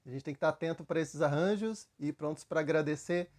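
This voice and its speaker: A Brazilian Portuguese-accented man with a rather high voice gives a spiritual lesson. He talks in a relaxed, conversational way and leans on everyday filler words. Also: fast talker. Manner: relaxed storytelling with frequent fillers, acts out quotes. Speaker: spiritual teacher.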